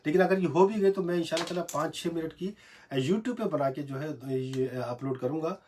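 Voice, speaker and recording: A man teaching Japanese script in a casual, halting home video lesson, recorded on a phone in a small cramped room. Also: medium pitch, darkish tone. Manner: hesitant, many fillers, repeats syllables slowly.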